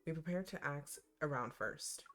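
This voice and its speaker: An expressive, playful woman doing casual, slangy reaction commentary and reading game text aloud. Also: sits low, normal speed. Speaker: reaction host.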